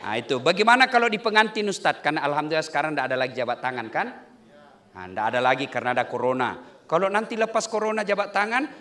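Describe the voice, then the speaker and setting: Lively, high-voiced joking preacher. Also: male voice, racing. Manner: animated, playful, swings between loud and soft. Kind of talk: humorous sermon.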